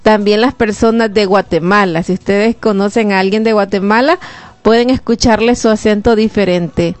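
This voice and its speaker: Live from a radio studio, a Salvadoran-accented woman chats with and greets her audience, friendly and talkative as she reads listener messages out loud. Her voice sits at medium pitch with a steady tone, moving at normal speed with no echo.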